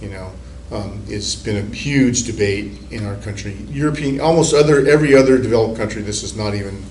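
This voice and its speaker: A man's voice: lowish voice, brisk, a little mellow. A male psychology professor giving a conversational classroom lecture, rambling with restarts and repeated words. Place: university classroom. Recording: echoey classroom, recorded from a distance, faint room hiss.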